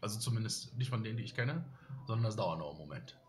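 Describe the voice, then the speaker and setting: A man's voice: on the low side, expressive, fast talker. A man hosting a live stream, chatting casually with viewers and rambling with many fillers. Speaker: streamer host. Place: studio room with windows. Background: faint music.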